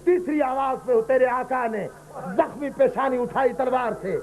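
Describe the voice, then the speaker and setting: A man's voice: very high voice, darkish tone, poor audio. A man reciting a mournful lament at a mourning gathering, wailing and pleading with his listeners. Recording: live gathering with crowd noise. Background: crowd of mourners.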